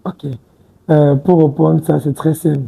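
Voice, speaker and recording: A man's voice: a little high, flat delivery, normal speed, vocal fry, dark tone, slightly rough, poor audio. A man in his twenties, a guest in a studio interview, talking casually and hesitantly, restarting words and often adding "tu vois un peu". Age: 20s. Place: TV studio set.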